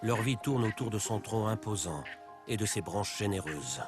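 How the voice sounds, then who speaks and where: Low voiced guy doing nature documentary narration, measured and dramatic, big music under him. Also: expressive. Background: loud background music.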